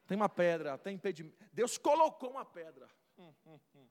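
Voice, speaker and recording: A pastor preaching a fervent sermon, dropping to a hush and then rising to shouts. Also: male voice, high voice, big pitch swings, a little fast. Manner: fervent, swings from hushed to shouting. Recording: long hall reverb.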